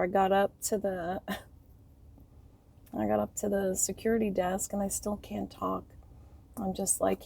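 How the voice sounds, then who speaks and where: Gravelly-voiced grieving woman, rambling softly. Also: mid-range voice. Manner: rambling, soft and tearful, trailing off often. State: grieving, voice breaking. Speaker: vlogger. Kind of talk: personal storytelling to camera.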